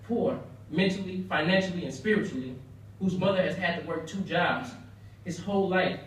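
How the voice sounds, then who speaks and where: Echoey, earnest American man giving a speech. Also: a little high. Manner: earnest, emphatic, with rhetorical repetition. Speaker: speaker at a banquet. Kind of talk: prepared persuasive speech. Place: indoor banquet room, heard from far off. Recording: very echoey room, distant mic, faint noise.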